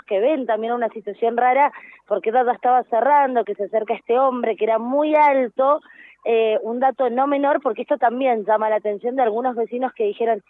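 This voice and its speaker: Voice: medium pitch, phone-quality sound. A radio host introduces and sums up a recorded testimony in a plain presenting manner.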